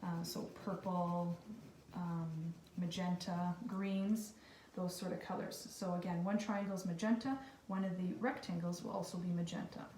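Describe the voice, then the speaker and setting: A woman's voice: lowish voice, fairly even intonation, moderate pace, warm tone. A woman teacher giving a casual craft lesson to young children, with simple, reassuring step-by-step instructions. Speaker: kindergarten teacher. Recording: echoey room, distant mic, faint noise.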